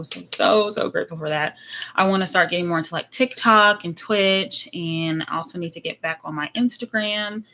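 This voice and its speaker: Streamer type, woman late 20s from Texas, lower-pitched, bubbly chat-to-camera delivery, faint hiss underneath. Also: pushed and bright. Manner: chatty, bubbly, many repeats of so and like. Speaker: anime reaction streamer. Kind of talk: casual livestream chat. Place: at home in front of a camera.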